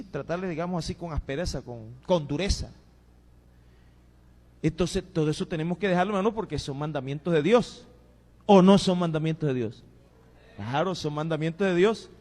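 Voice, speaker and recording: A man preaching a sermon in a church, telling stories and acting out the voices of the people he quotes. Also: a little high. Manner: storytelling, animated, acts out quoted voices. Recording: long reverb of a church hall.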